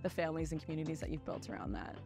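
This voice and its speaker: Young female student, quick advice, deep flat voice. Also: music in the background. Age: young adult. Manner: reflective, advice-giving. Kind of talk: testimonial interview.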